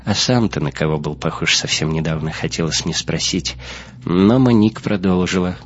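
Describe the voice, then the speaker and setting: A man reading first-person audiobook narration in a measured way. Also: sits low, slightly rough. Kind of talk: scripted narration. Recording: muffled lo-fi recording.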